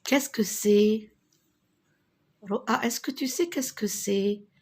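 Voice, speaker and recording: A woman teaching a slow phonics lesson to young children, sounding out letters syllable by syllable and calling on pupils by name. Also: medium pitch, husky.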